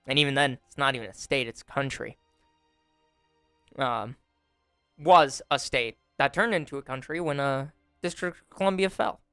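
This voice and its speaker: A man's voice: medium pitch, normal speed, long pauses, clean tone, no echo. Young guy narrating a strategy sim, wry and chill, lotsa uhs, dry close mic w faint music behind. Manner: relaxed, wry commentary with frequent fillers. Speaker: gaming YouTuber. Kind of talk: casual gameplay commentary. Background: faint background music.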